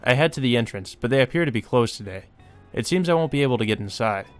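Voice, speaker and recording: Over game music, a let's play host reads visual novel narration, tossing in casual asides and the occasional swear. His mid-range voice is animated and he talks fast.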